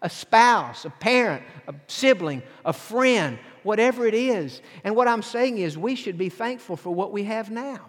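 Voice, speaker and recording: A man's voice: sits high, animated, moderate pace, few pauses. A man preaching a sermon as pastor, earnest and repeating phrases for emphasis. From southern United States. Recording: long hall reverb.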